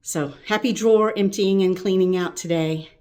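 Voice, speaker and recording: A woman's voice: mid-range voice, normal speed, warm tone. A woman chatting casually in a home vlog, full of fillers and encouragement, a little winded. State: slightly winded. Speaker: vlogger. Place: home bedroom, indoors.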